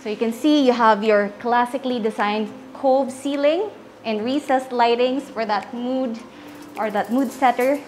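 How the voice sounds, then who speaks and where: Her voice is a little high and darkish in tone, and she moves at a slightly slow pace against slight background noise. She's a young Filipina giving an upbeat, salesy house tour, walking viewers through the rooms of a large, empty townhouse. Echo bounces around the bare interior.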